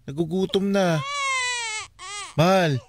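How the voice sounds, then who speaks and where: An actor playing a young husband and father in a radio drama, pleading with his wife and soothing his baby, then shouting in panic. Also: high-pitched, slow, very noisy. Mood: worried. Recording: radio drama with loud music underscore.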